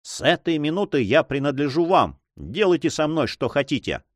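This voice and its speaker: A man's voice: fairly high pitch, big pitch swings, normal speed, no echo, studio quality, pitched above the performer's own voice. A man reading a distraught young nobleman. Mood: overjoyed. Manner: emotional, pleading. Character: young man, tearful, ashamed, then overjoyed.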